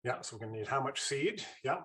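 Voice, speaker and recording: A man's voice: mid-range voice, expressive, fast, a bit bright. A man presenting an online lesson in a casual, chatty way, full of fillers and restarts. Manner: chatty, with fillers and repeated starts. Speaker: webinar presenter.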